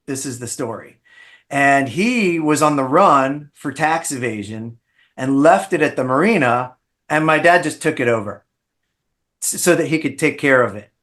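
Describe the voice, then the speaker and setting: A man's voice: mid-range voice, lively intonation, normal speed, a bit bright. Man telling rambling family stories. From Bahamas-born, raised in South Florida. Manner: rambling anecdotal storyteller with frequent restarts. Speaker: podcast guest, ER physician. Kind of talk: casual storytelling interview.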